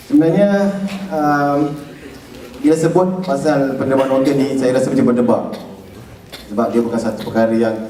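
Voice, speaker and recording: A man's voice: medium pitch, mellow, slight background noise. Joking Malaysian man in an echoey hall. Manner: jokey, teasing the audience. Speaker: liver transplant recipient speaker. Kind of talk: humorous public talk. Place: lecture hall. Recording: echoey lecture hall, far from mic.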